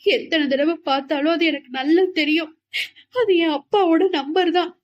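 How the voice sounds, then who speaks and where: A woman's voice: high voice, brisk, darkish tone, highs cut off, pitched above the performer's own voice, close to an everyday voice. A woman voicing a tearful, wounded young woman in an audio novel, her speech trembling and sobbing.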